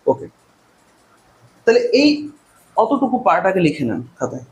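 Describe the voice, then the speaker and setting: A man's voice: high voice, very animated, normal speed, darkish tone, highs cut off, a little hiss or hum. A man teaching English grammar to a class, repeating his questions and answering them himself in call-and-response drills. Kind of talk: classroom lecture.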